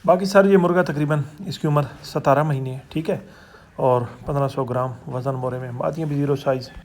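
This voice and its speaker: A man's voice: mid-range voice, steady tone, brisk, darkish tone, slight background noise. A man from Pakistan, a poultry breeder hosting a casual instructional video and explaining patiently to viewers he calls friends, checking in often with "theek hai". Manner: friendly, addresses viewers as friends and fellow hobbyists. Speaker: poultry breeder and channel host.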